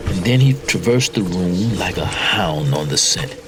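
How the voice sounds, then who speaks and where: A man with a low, animated voice reads a classic macabre story aloud. He delivers it theatrically with deliberate phrasing, like a dramatic literary reading, while faint noise sits in the background.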